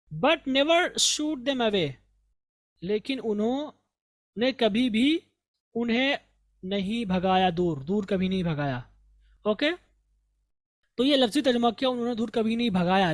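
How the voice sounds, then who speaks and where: A man teaching an English text, reading each line slowly and then explaining it in detail. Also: very high voice, no echo. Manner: reads English lines slowly, then explains them at length. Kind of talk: line-by-line textbook translation lesson.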